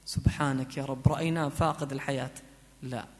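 A man preaching a sermon, chanting verses slowly and moving between soft pleading and emphatic exhortation. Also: high voice. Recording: long hall reverb.

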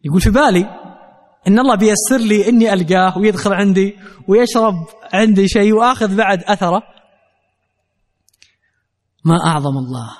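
High-voiced preacher, echoing hall. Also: male voice, lively intonation, a little fast, pauses often. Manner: earnest, addresses the crowd directly. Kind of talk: sermon with storytelling.

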